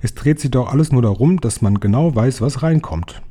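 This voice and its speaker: A man's voice: mid-range voice, lively intonation, fairly quick, dark tone, breathy edge. Man putting on a spirited old grandmother. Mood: triumphant. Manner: emphatic, exclaiming.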